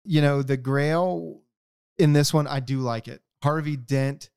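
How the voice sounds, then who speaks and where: A man's voice: fairly high pitch, steady tone, a little slow, gravelly, darkish tone, clean tone, no echo, clean studio sound. A man hosting a collectors' podcast, joking and rambling in a casual chat. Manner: jokey, rambling, self-mocking. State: tired from no sleep. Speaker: podcast host.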